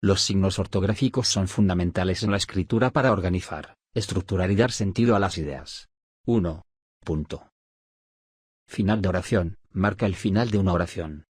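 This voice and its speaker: Low, husky male narrator for a study audiobook; steady dictation pace, dry close recording. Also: no room sound. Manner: measured, list-like dictation with pauses. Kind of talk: scripted reading of spelling rules.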